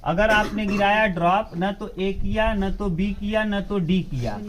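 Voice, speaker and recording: Over crowd noise, a man with a high-pitched voice teaches a lesson step by step at a slightly slow pace. He frequently asks a question and then supplies the answer himself.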